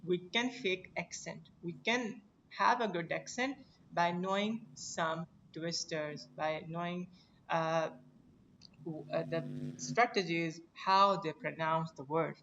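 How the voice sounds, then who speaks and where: A man with a Pakistani accent teaching a live English class, explaining slowly and deliberately. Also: on the high side, pushed and bright, dull audio, slight background noise. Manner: slow, deliberate, stretching English phrases.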